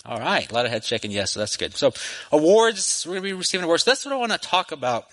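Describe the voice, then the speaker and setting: Guest preacher in his forties, forceful tone, chatty delivery, repeats himself as he goes. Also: a little high, big pitch swings, quick pace, poor audio. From Texas. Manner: friendly, conversational with frequent restarts. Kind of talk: sermon. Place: church sanctuary. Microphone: microphone.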